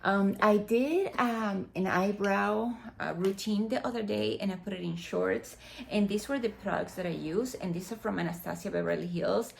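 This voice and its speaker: This beauty vlogger, a woman in her mid forties who speaks Spanish natively with a Dominican accent, keeps things casual and filler-heavy during an unboxing. She has a medium-pitched voice with vocal fry and a moderate pace. Faint street sounds come through the nearby window.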